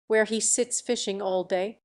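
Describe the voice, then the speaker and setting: A woman's voice: mid-range voice, steady tone, unhurried, natural voice. A woman reading the lines of a male palace servant in a storybook, plain and matter-of-fact. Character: palace manservant.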